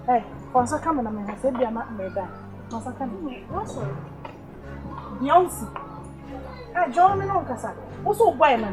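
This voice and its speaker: A Ghanaian woman plays a pleading daughter in a comedy skit. Her voice sits very high and swings up and down, and she repeats her words in a whiny way. Loud music plays under her voice. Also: animated, normal speed, pauses often. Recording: loud music playing behind.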